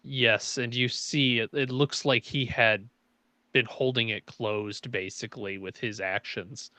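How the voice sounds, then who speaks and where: Slow-paced man as game master narrating. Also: medium pitch, fairly even intonation, pushed and bright, dry recording. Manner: descriptive, piecing scenes together in short phrases.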